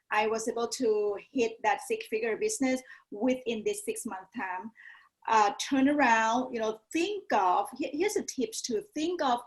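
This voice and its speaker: Her fairly high voice comes through a low-quality recording: a Thai woman, native speaker with a Thai accent, guesting on an interview as a yoga teacher and business coach. She keeps things personal and motivational and regularly checks in with "right?" and "you know."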